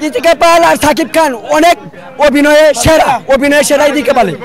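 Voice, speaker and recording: A man with a Bangladeshi Bengali accent, a moviegoer interviewed outdoors outside a cinema, talking emphatically and repeating himself as an excited fan. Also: very high-pitched, brisk. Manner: repetitive, emphatic, fan enthusiasm. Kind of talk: excited street vox pop. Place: outdoors outside a cinema hall, crowd around. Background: crowd chatter.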